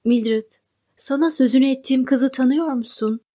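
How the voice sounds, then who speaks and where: A woman's voice: high voice, moderate pace, mellow, muffled recording. A woman reading the part of a troubled, anxious adult man who presses with urgent questions. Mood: pleading.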